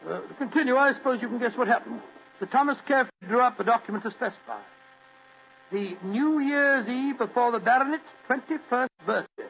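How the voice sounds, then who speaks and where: High, gravelly genial Doctor Watson. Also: male voice, fairly quick. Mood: earnest. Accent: British. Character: Doctor Watson, genial older English gentleman storyteller. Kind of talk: old radio drama narration. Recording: muffled old radio recording with hum and hiss.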